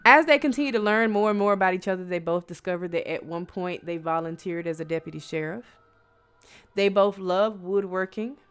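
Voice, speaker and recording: Music underscores a brisk, lowish, clean-toned female voice. She's an American who shares creepy bedtime stories conversationally, calling listeners friends, posing rhetorical questions, punching words for drama and slipping in offhand remarks.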